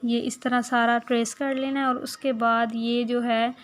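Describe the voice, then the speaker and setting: Soft-spoken woman teaching small children. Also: fairly high pitch, level tone. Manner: slow, coaxing, repeats words and asks little questions. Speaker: playgroup teacher. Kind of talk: recorded online class for small children.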